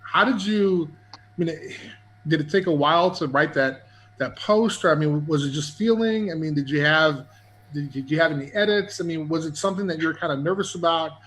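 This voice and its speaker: Man, podcast host, somewhat high voice, rambling questions, lots of fillers. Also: a little fast, fairly bright tone, a little hiss or hum. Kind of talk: casual interview.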